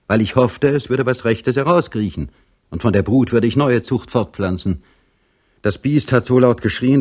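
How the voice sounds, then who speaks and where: A man's voice: lowish voice, darkish tone. A man voicing a sly, discontented male manservant in a storybook reading, speaking sarcastically and complaining.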